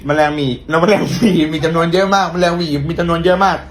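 A man's voice: on the high side, fairly even intonation, quick pace, slight background noise. A man giving mock police radio reports with sign-offs, as police radio chatter.

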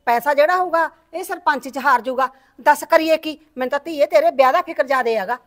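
A middle-aged woman playing a nagging village mother and wife who scolds her husband and frets over her daughter's wedding. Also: natural voice. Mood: worried. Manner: scolding, rapid and shrill.

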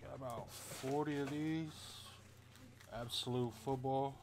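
Man, laid-back livestream host, greets viewers, mid pitch, noisy background. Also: fairly even intonation, unhurried, a little mellow. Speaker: channel host. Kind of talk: casual livestream chat. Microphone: desk microphone.

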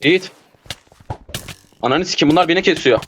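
A man playing an online game with a teammate, swearing constantly and shouting in frustration. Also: on the high side, fairly quick, slight background noise. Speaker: gamer streamer. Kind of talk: casual gameplay chat with teammate.

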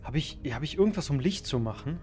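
Excitable man narrating his gameplay. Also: fairly high pitch, fast talker. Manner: excitable, swearing, thinking aloud, sudden loud outbursts. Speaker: gaming YouTuber. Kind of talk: live gameplay commentary.

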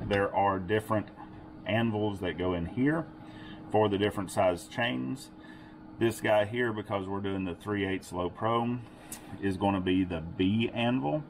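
Methodical and patient, this man explains a how-to process one step at a time, restating the important points as he demonstrates workshop tools. His voice is deep and slow, captured near the bench in his indoor home workshop with a constant noise behind.

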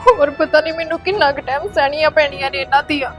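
Mistreated young wife, played by a woman; high, plaintive voice with faint music underneath. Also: fast talker, a bit bright. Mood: pleading. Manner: pleading, plaintive.

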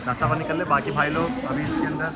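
A man's voice: on the high side, level tone, quick pace, loud music behind the voice. A young man in his twenties chatting casually to viewers on a phone camera while travelling by train and through busy stations. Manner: chatty, addresses viewers as "bhai" and "bhaiya". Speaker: vlogger. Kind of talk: casual travel vlog narration. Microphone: phone held at arm's length. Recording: phone vlog with loud traffic noise. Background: loud train and street noise.

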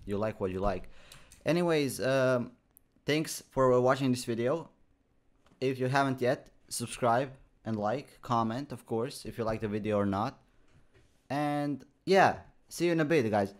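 A young man commentating a horror game, slangy and reacting with sudden loud outbursts. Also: medium pitch, measured pace. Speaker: gaming YouTuber.

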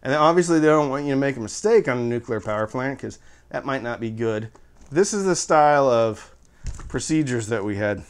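Man, channel host, casual product review, mid-pitched voice, chatty, jokey, explains step by step. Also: animated, brisk, clean tone.

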